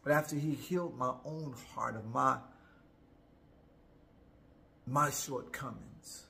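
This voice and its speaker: Slow, gravelly older male chaplain. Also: mid-range voice, bright, forceful tone. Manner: halting, heartfelt, with repeated words and long pauses. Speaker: chaplain, host. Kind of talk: personal reflective devotional talk to camera. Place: indoor room, home studio.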